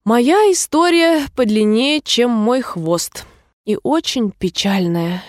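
A woman's voice: medium pitch, animated, moderate pace, a little mellow, no echo, clean studio sound, lightly acted. A woman voicing a proud, touchy mouse who takes offense easily and speaks stiffly. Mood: mournful.

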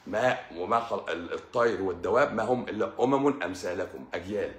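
A man's voice: sits low, fairly quick, roomy sound. A man with an Egyptian Arabic accent giving a religious talk, speaking straight to his listener and often repeating himself. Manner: lively, addresses listener directly, repeats and stammers. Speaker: channel host.

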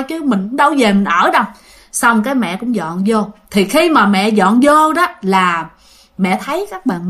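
A woman casually telling a ghost story, chatting to her listeners and often repeating her words. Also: a little high.

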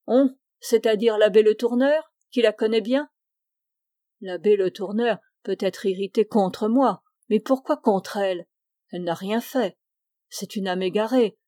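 Femme lisant un jeune homme suppliant et sincère, voix chaleureuse, son sec. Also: female voice, mid-range voice, dark tone, dry recording, clean studio sound, close to an everyday voice. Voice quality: earnest, pleading. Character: anguished pious young man pleading with his mother.

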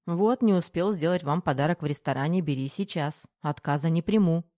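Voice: mid-range voice, a little fast, a little mellow, dry recording, studio quality, close to an everyday voice. A storyteller voicing a commanding older general and father with a grumbling, commanding manner, in an audiobook. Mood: gruff.

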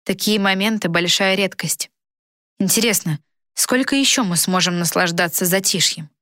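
A woman voicing a spirited young princess with a wry, lively way of talking. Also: mid-range voice, normal speed, no room sound, studio quality, natural voice. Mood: dreamy.

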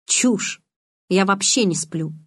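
A woman's voice: mid-range voice, takes it slowly, a bit bright, slightly rough, no echo. Woman reading teenage vampire boy, aloof, dry and sardonic, restrained delivery, audiobook voice, dry close sound. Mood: cool, mocking.

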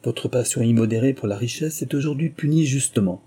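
A man reading an audiobook and voicing a dignified older male baronet with a measured, formal delivery. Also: mid-range voice, dark tone, slightly rough. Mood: stern.

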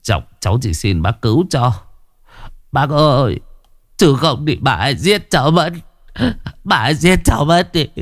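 A man's voice: a little high, expressive, moderate pace, dry recording, studio quality, voice pushed up. A man voicing a desperate young village man who stammers and begs through tears in a ghost story. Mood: tearful pleading. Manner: tearful, stammering pleading. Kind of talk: storybook ghost tale voice acting.

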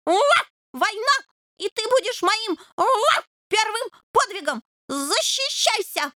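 A woman's voice: expressive, a little slow, no echo, clean studio sound. A woman voicing a young male fox terrier puppy who dreams of knighthood, pompous and chivalrous, always saying "oh". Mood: fierce. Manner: high-pitched, peppers speech with "oh".

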